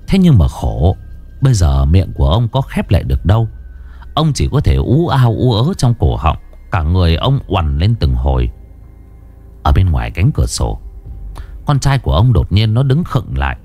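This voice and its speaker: Deep, dramatic male horror narrator. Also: mellow. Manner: dramatic, vivid storytelling.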